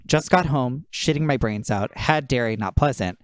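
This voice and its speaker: A man's voice: mid-range voice, moderate pace, dry recording. A man co-hosting a podcast, telling a funny story in casual chat and acting out text messages. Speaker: podcast co-host.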